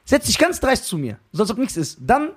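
Young male podcast co-host, high-pitched husky storyteller, animated delivery. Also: brisk. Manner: animated storyteller, laughs often. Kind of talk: casual chat, storytelling.

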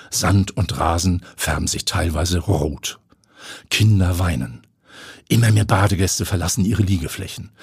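A man reading a story aloud with vivid, expressive storytelling. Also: low-pitched, slightly rough, no room sound, studio quality. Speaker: narrator.

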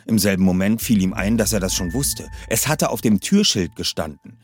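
Expressive male audiobook reader. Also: fairly low pitch, normal speed, faint music behind. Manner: expressive, varied delivery. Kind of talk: dramatic audiobook reading.

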